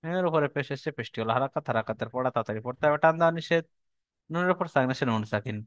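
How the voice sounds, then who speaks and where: Over an online lesson, a man teaches Quran recitation, patiently going over the rules again and again and slowly spelling out each syllable. His voice is medium-pitched and the recording sounds dry.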